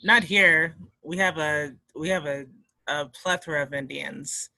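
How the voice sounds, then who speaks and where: Woman podcast co-host, casual and profane, with a bright edgy voice. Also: sits low, unhurried, gravelly, no echo, rough recording. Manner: rambling, profane, joking. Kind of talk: casual chat.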